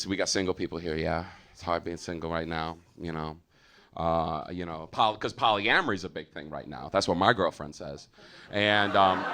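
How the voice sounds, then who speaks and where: A young American man doing a stand-up comedy set on stage, loud and swearing, his voice jumping high on punchlines. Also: creaky. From United States. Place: comedy theater with a live audience.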